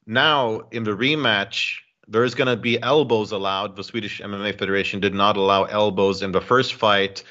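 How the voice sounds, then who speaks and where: Forceful low-voiced male interviewer. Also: fairly even intonation, normal speed, hardly any pauses. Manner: fluent, articulate. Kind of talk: conversational sports interview questioning. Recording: dull, band-limited audio.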